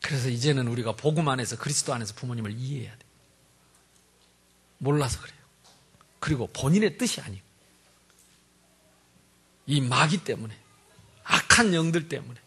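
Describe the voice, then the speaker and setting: A male pastor preaching a sermon in an animated, humorous way, swinging between loud emphasis and quiet asides. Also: mid-range voice, moderate pace, pauses often, husky.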